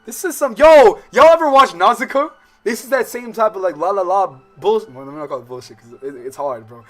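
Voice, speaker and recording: An American man streams a let's-play of a visual novel, his voice ordinary in range but lower than some. Animated and fairly quick, he reads the game text aloud but keeps cutting himself off with slangy, profane, digressive commentary, with the game's soundtrack playing underneath.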